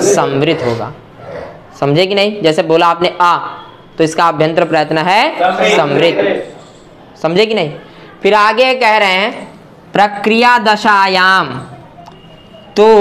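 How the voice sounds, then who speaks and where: A man with a fairly high voice explains Sanskrit grammar as a patient teacher. He asks a question, then answers it himself. He checks again and again that the listener has understood. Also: a bit bright. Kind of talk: classroom explanation.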